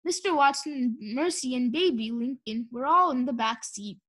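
A woman reading a children's storybook aloud, in an expressive, sing-song way. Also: high-pitched, moderate pace. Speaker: audiobook reader.

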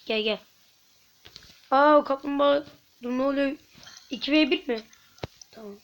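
A woman commenting while playing a video game, chatting to her viewers and bursting into frustrated shouts. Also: high-pitched, moderate pace, lo-fi sound. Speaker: gaming YouTuber. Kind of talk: let's-play commentary.

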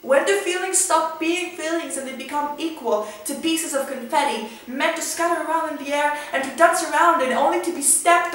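A woman's voice: sits high, a bit bright. Echoey young woman reciting spoken word. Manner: dramatic, rhythmic recitation with swelling emphasis. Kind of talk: spoken word poetry performance. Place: small indoor room with a plain wall. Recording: very echoey room, voice far from the mic.

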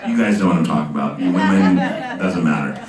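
A man's voice: low-pitched, quick pace, crowd noise. A man in his fifties telling rambling, self-deprecating comic stories to a live audience at an art talk, acting out the people he quotes. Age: 50s. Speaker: artist hosting an art auction talk. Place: ship's hall with audience. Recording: echoey room, voice from a distant mic.

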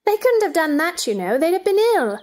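Woman as Alice, prim high-voiced little girl. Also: big pitch swings, brisk. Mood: curious, doubting. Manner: prim, questioning. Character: Alice, curious, polite but argumentative young girl. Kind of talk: stage play reading.

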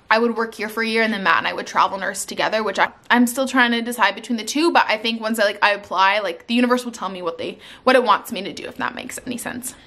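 A young Canadian vlogger sits on her living room sofa in front of the camera, chatting casually about her life with plenty of "like" and "um." She speaks at a medium pitch with a sharp tone.

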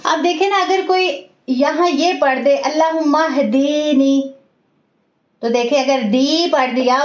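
A woman teaching Quran recitation rules, explaining each rule patiently, repeating it step by step and praising her students warmly. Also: high-pitched, reverberant, highs cut off. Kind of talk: tajweed lesson.

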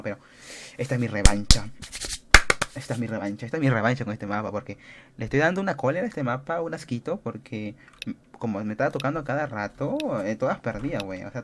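A man commentates a computer game as he plays, chatty and excitable, firing off repeated words in bursts. His voice sits at an ordinary middle pitch. The recording is noisy, with keyboard clicking heard behind him. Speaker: gaming YouTuber.

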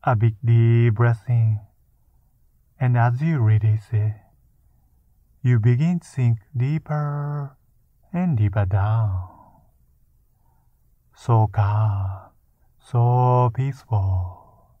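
A man leading a guided meditation in a soft, soothing, hushed voice, leaving long pauses between short phrases. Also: medium pitch, no room sound. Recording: muffled, narrow-band phone-like sound. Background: music.

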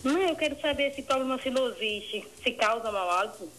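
Woman caller on a landline phone line, from southern Brazil, fairly high voice, faint hiss behind. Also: expressive, brisk, fairly bright tone. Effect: heard over a landline phone line. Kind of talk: caller asking a question on air.

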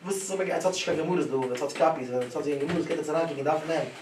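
A man giving a Talmud lesson, animated, his voice rising and dropping sharply as he tells the stories. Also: fairly high pitch, rapid-fire. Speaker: Talmud teacher. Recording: echoey room, voice from a distance, clear background noise.

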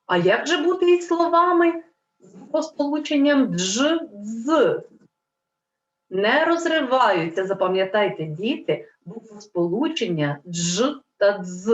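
Woman schoolteacher addressing children, unhurried and melodic, in a roomy, slightly dull recording. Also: a little high, animated. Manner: slow, clear, drawn-out word dictation. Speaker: primary school teacher. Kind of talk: Ukrainian language lesson for children.

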